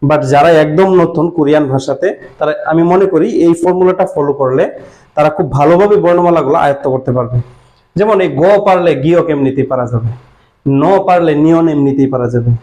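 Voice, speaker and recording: A man's voice: a little high, fast, a little mellow, low-quality recording. A man with a Bangladeshi Bengali accent teaching a language lesson, patiently explaining and answering his own questions. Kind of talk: classroom lesson.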